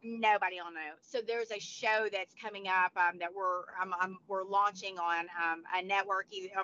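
Hoarse forty-something woman, bright and eager, interview guest, rambly. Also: medium pitch, steady tone, moderate pace. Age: 40s. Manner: chatty, many restarts and fillers. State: hoarse, losing her voice. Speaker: guest, motivational speaker. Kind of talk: casual interview chat. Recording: dull lo-fi sound.

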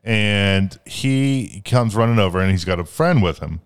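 A man's voice: fairly low pitch, measured pace, clean tone. Profane, rambling young man telling a story. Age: 20s. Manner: profane, rambling, animated retelling. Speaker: podcast co-host. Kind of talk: casual storytelling chat.

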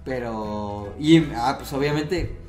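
A man's voice: medium pitch, slow. Mexican guy telling his friends stories, slangy, swears, roomy echo and music behind. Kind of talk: casual chat among friends, telling anecdotes.

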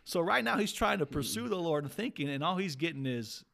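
A man's voice: fairly high pitch, lively intonation, brisk, creaky, fairly bright tone. A man talking casually and earnestly as a Bible teacher, walking through a psalm in conversation with many restarts. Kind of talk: casual Bible study chat.

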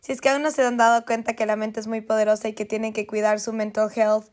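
This is a young woman in casual podcast chat, her voice sitting a bit high. She talks in a chatty, loose way and keeps slipping English slang into her sentences. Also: level tone, fast, darkish tone. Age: young adult. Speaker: podcast co-host.

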